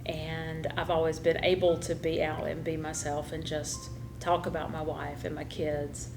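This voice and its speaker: A woman's voice: low voice, flat delivery, a little slow, vocal fry, over music. A woman in an interview speaking sincerely about being herself at work.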